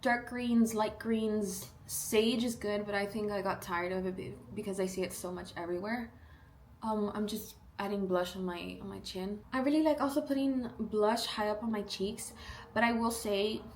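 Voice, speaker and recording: A twenty-two-year-old beauty vlogger with a South Texas accent chats casually while doing her makeup at home, in a get-ready-with-me style. She's upbeat and animated, tossing in asides and playful quoted voices. Her voice is medium-pitched at a moderate pace, with a little hiss or hum.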